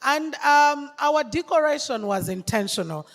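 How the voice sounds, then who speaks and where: A woman's voice: high-pitched, lively intonation, a little slow. A woman emceeing a live event, upbeat and chatty with the crowd. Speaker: master of ceremonies. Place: large conference hall. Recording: long reverb of an event hall.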